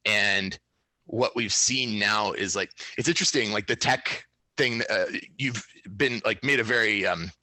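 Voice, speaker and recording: Bright-voiced man, loose and chatty. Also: on the low side, a little slow, dry recording. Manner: thoughtful, loose, many fillers and restarts. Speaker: startup founder and guest. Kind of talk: casual interview talk.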